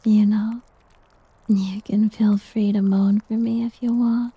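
A woman voicing a doting, possessive slime creature in an ASMR roleplay, whispering softly and teasingly. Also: medium pitch, level tone, slow, no room sound, exaggerated voice. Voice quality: breathy. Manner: soft whispering, teasing and coaxing. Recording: dull lo-fi audio.

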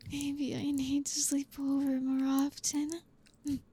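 A woman in a whispered intimate audio roleplay, speaking as a girlfriend in a soft whisper broken by frequent giggles. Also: sits high, monotone, unhurried.

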